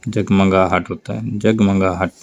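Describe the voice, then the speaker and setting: A man with a North Indian Hindi accent teaches board exam grammar slowly and deliberately, drawing out example words and repeatedly prompting students to look and answer. His fairly low voice is level in tone with vocal fry, and the audio sounds dull.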